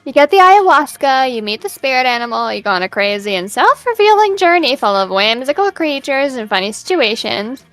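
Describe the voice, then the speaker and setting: A woman's voice: high-pitched, sing-song, fairly quick, a bit bright, soft background music. A young woman playing a video game with a friend, reacting expressively, swearing casually, and reading out game text. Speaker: gamer.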